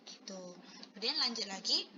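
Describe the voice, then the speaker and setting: A woman teacher giving a recorded tajwid lesson, explaining step by step and reciting verses slowly. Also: a little high, expressive, pushed and bright. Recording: dull lo-fi recording with background noise.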